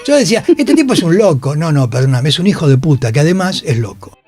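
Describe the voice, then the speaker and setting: An Argentine man, a guest in a radio studio interview, tells stories animatedly, emphatically repeating phrases for stress and swearing freely. His voice is a little high, a little mellow, and sing-song, he talks fast, and faint music plays in the background.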